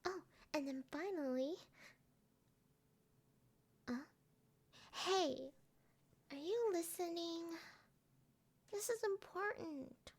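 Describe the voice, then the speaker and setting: Yandere lover played by a woman for ASMR role-play: high, unhurried, breathy delivery, cooing sweetly with eerie, sadistic obsession. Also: heavily acted. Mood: insistent, sweet menace.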